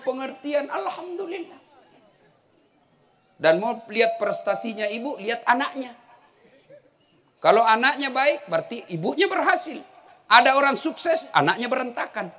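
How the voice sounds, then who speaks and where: A middle-aged man giving a humorous sermon to a live audience, telling stories and shouting the punchlines. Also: very high-pitched, moderate pace. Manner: animated storytelling, shouting punchlines with laughter. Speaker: preacher. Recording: live event with crowd and faint noise. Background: crowd laughter.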